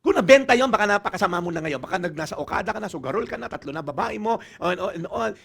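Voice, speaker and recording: High-voiced joking Filipino pastor. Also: male voice, fast talker, vocal fry, breathy edge. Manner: animated, joking, acts out little dialogues. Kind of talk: humorous sermon.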